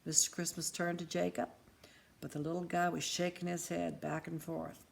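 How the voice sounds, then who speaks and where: A woman reading a storybook aloud in an expressive, lively way. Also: lowish voice, moderate pace, creaky.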